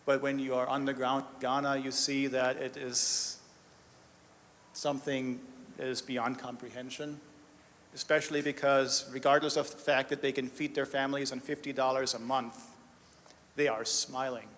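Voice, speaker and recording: A man's voice: mid-range voice, level tone, normal speed, fairly bright tone, slight background noise. A man giving a heartfelt testimony as a director of development, telling stories in an earnest, emotional way. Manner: earnest, storytelling, emotional at times. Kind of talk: live testimony talk with slides. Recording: reverberant hall.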